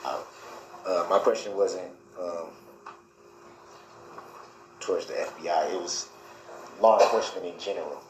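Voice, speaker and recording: Guy doing a courtroom cross examination, low voice, halting and formal, roomy echo. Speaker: defendant questioning a witness as his own lawyer. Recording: echoey courtroom with faint noise.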